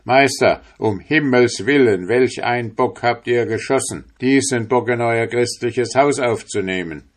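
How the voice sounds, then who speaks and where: A stern, zealous old priest, played by a man reading the tale aloud, raises his voice a little above the narrator's and hammers out his warnings in a preaching, declaiming way. The delivery is slow and weighty, and it sounds like a storybook reading. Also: fairly low pitch.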